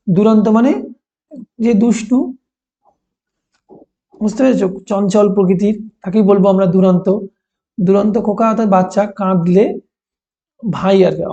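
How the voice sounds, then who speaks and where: A man with a high, mellow voice teaches a children's poem, reciting slowly and stretching out the lines before explaining each one. He keeps asking his students whether they follow. The sound is dull and lo-fi. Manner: slow and drawn-out when reciting, checks in with students often. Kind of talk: reading and explaining a school poem.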